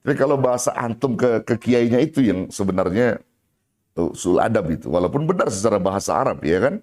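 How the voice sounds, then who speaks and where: A man from Indonesia gives a lively sermon in a fairly low voice that rises and falls widely. He keeps acting out short exchanges between students and their teacher, mixing casual everyday speech with Arabic terms. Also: a little fast. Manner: animated, acts out dialogues between students and teacher; colloquial Jakarta slang mixed with Arabic terms. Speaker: preacher.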